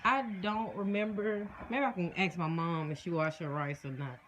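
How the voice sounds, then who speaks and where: A woman's voice: on the low side, steady tone, moderate pace, fairly bright tone, slight background noise. A woman chatting casually and folksily to her viewers in a home vlog. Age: adult, mother of children. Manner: folksy, addresses viewers as y'all and guys. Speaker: family vlogger. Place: at home, indoors.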